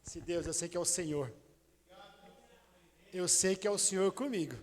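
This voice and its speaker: A male pastor preaching a sermon, swinging between loud declarations and hushed, intimate asides. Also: sits high, moderate pace, in a large hall. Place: church sanctuary.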